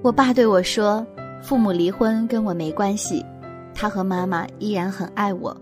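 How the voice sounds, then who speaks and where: A woman voicing a young woman who talks earnestly in first person about her parents' divorce, with soft music behind. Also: medium pitch, steady tone, moderate pace, close to an everyday voice. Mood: reflective.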